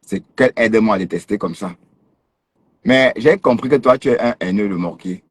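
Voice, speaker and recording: A man talks straight at a rival on his livestream, teasing and challenging him. His voice sits a little low and comes out husky. He jeers and scolds in a casual, unscripted way. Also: normal speed, dry recording. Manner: mocking, confrontational, teasing laughs. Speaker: livestream host.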